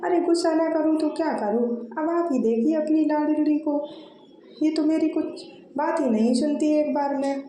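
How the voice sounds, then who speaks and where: A woman's voice: high-pitched, steady tone, moderate pace, warm tone, echoey room, natural voice. A woman voicing a middle-aged mother who scolds and complains about her daughter. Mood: scolding.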